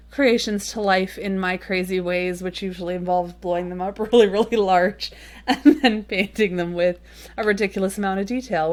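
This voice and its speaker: A woman talking casually through a watercolor painting tutorial, chatty and rambling with frequent ums and little apologetic asides. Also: mid-range voice. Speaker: watercolor card-making tutorial host.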